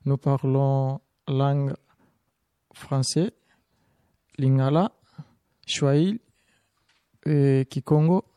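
A man from the Congo speaks slowly in a smooth, mellow voice, listing things carefully. The sound is dry and close. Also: medium pitch, steady tone, dry recording. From Democratic Republic of the Congo. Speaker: student.

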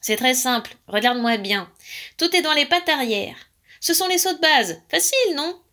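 A woman voicing a brisk, demanding female frog coaching jumps in a children's story. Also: high-pitched, animated, sharp tone, pitched above the performer's own voice. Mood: bossy.

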